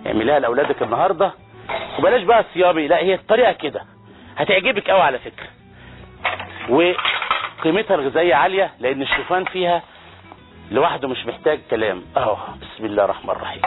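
Fast-talking Egyptian TV chef, tinny sound. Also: male voice, a little high. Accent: Egyptian Arabic. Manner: exclamatory, playful banter with crew. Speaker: TV chef and cooking show host. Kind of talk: lively cooking demonstration. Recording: tinny phone-like broadcast audio with faint music.

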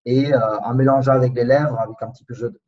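Soft-spoken man with a slight Spanish accent. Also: mid-range voice, steady tone, recorded from a distance, highs cut off. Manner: reflective, searching for words, many pauses. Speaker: guest. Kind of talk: casual conversation.

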